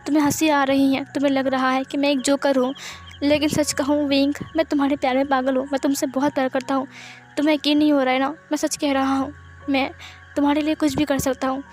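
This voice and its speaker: A woman's voice: high-pitched, little pitch movement, fast talker, a little mellow, soft background music, close to an everyday voice. A woman voicing a lovesick young woman who pleads and presses with questions, in a read-aloud fan story. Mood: pleading.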